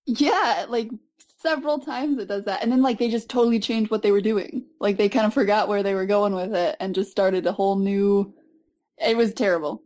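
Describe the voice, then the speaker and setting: A woman's voice: mid-range voice, moderate pace, darkish tone. A woman competing in a casual movie quiz, chatty and full of "like". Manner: chatty, says like a lot. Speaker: quiz contestant. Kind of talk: casual podcast game chat.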